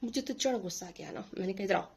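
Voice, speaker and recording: Husky-voiced middle-aged woman telling a story. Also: mid-range voice, fast talker. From Pakistan. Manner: animated, indignant, acts out quotes. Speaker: vlogger. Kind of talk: casual storytelling monologue.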